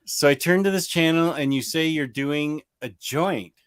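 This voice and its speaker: A man's voice: a little high, moderate pace, a bit bright, smooth, dry recording, clean studio sound. A middle-aged American man hosting a casual comics chat, rambling with restarts and frequent chuckles as he reads viewer questions. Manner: rambling, self-interrupting, chuckles often. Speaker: comics channel host.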